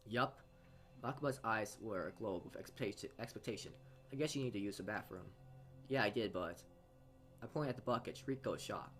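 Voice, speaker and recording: Brisk and fairly bright in tone, this man's lowish voice carries his visual novel reading for a gaming video. He mixes in casual comments and frequently stumbles or repeats words over the game's music.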